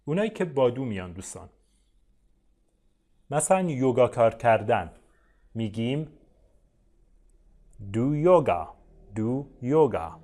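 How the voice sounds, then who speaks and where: A man whose first language is Persian teaches English in an online lesson, voice at an ordinary pitch. He talks to his viewers in a friendly, explaining way, with frequent "uh"s. He says each English example slowly, then repeats it. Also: very animated, warm tone.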